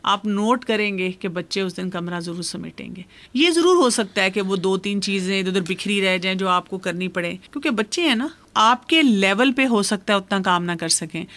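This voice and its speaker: A woman speaking as an expert guest on a radio program, calmly explaining parenting advice with everyday examples. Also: medium pitch, dry recording.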